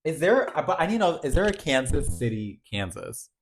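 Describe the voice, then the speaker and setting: Young male co-host, bouncy pitch, filler-heavy and profane, casual gossip. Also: a little fast. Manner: animated, filler-heavy, swears freely. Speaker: podcast co-host.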